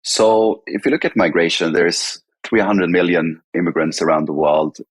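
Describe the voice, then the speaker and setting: A company chief executive from northern Sweden, speaking with a Swedish accent, answers interview questions conversationally as a podcast guest, sometimes repeating words while explaining. His voice is low and steady with a breathy edge, at a moderate pace, and there's no echo.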